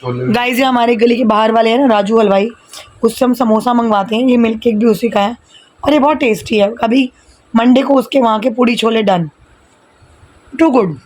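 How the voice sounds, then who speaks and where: A woman in her thirties, slightly hoarse, chatting casually through a home vlog while cooking in her kitchen, holding her phone in one hand. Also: on the high side, moderate pace, a little mellow, rough recording. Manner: chatty, mixing Hindi with English phrases. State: hoarse from shouting. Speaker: vlogger and home tutor. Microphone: handheld phone.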